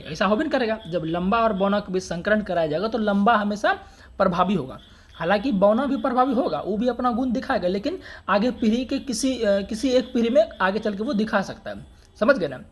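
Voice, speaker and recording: A man's voice: high-pitched, breathy edge. A man teaching an exam-prep science lesson, asking questions and answering them himself and calling his viewers friends and brother.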